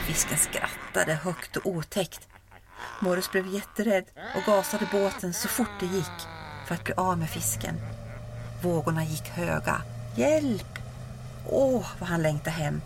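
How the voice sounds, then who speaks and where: A woman narrating a scripted children's story as the storyteller, in a gentle, unhurried way. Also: lowish voice, noisy background.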